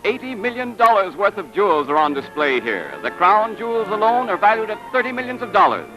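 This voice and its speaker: Man, old newsreel narrator, grand declamatory delivery, high voice, loud music under it. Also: very animated, a little fast, low-quality recording.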